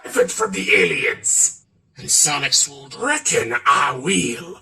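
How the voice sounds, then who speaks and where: In a voice acting demo reel, a man moves from one theatrical game and cartoon character impression to the next. His mid-range voice is very animated but slowly delivered, picked up by a distant mic amid crowd noise.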